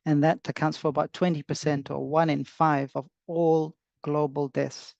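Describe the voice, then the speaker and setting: A man talks through an online lecture in a hesitant way, stopping for fillers and restarting his sentences. His voice has a gravelly, creaky edge and sits at an ordinary pitch. The sound is dull and lo-fi, like video-call audio, and it is dry with no room echo. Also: flat delivery, normal speed, darkish tone. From Samoa. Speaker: clinical advisor giving a webinar talk.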